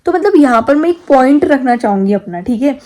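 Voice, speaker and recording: A woman's voice: sits high, expressive, fairly quick, a little mellow. A young woman vlogger casually telling a story to her viewers, chatty, with English words dropped into her talk. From Uttarakhand, India. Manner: chatty, mixes in English words, repeats "theek hai".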